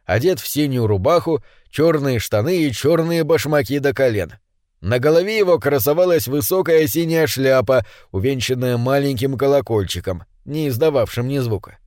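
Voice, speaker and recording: Expressive male audiobook narrator. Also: mid-range voice, normal speed, dry recording, studio quality. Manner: expressive storytelling.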